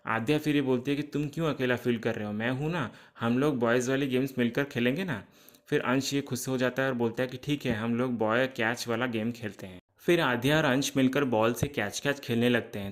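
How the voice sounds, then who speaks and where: In a mid-range voice and a casual tone, a man recaps a TV serial, relaying each character's lines one after another. Now and then he restarts partway through a word.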